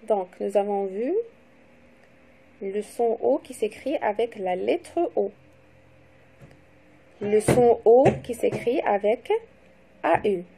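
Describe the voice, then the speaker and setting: A woman teacher giving a slow, deliberate phonics lesson to young children, spelling out letters and syllables. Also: medium pitch, gravelly, dark tone, slight background noise. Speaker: primary school teacher.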